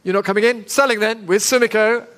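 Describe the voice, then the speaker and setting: A man with a fairly high voice works as an auctioneer, calling bids to a saleroom. He repeats each figure and politely coaxes bidders for one more. His voice rings with the long reverb of a big hall. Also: steady tone, quick pace, a bit bright. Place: large indoor auction saleroom.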